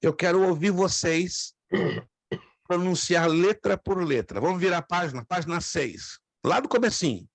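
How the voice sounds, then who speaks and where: A male teacher lecturing a classroom, slowing down to repeat sounds and quizzing his students. His voice sits a touch high for a man and sounds close and dry, with little room echo. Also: expressive, creaky. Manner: explains patiently, repeats words slowly, asks the class questions. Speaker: theology teacher.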